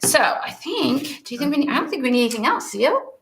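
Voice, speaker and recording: A woman's voice: high voice, big pitch swings, fast, a crowd in the background. A woman demonstrating stenciling on a craft livestream, chatty and playfully teasing her co-host.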